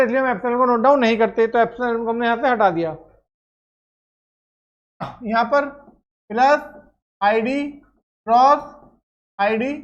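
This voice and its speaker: High-voiced woman teaching a lecture. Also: muffled recording. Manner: explains step by step, checks with "clear?". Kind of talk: classroom lecture.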